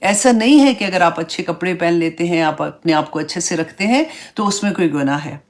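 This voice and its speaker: A woman leads an online religious class in a relaxed, chatty manner. Her voice sits a little low for a woman. She slips English words into her explanations and keeps checking in with her students as she walks them through each point. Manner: conversational, mixes English words into Urdu; explains step by step, asks "right?" and "na?". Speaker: Islamic teacher.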